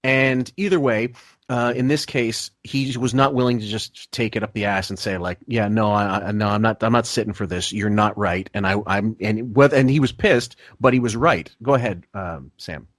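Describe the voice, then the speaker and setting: A man hosting a casual podcast discussion, blunt and profane, talking in rushing restarts. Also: fairly low pitch, dry recording, clean studio sound. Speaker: podcast host.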